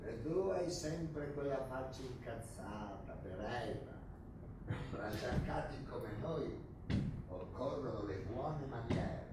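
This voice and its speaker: In a theatrical stage drama, a menacing, boastful Argentine army captain of the dictatorship speaks with mocking scorn, his delivery declamatory and pompous at a middling pitch. His intonation is lively and his pace slow. The recording is distant, very echoey, and noisy.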